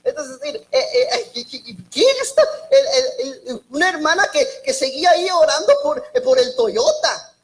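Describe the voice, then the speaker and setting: A woman preacher gives a church sermon in a bright, high voice, speaking haltingly with repeated and restarted words. Between points she breaks into lively, joking asides, and the audio quality is poor.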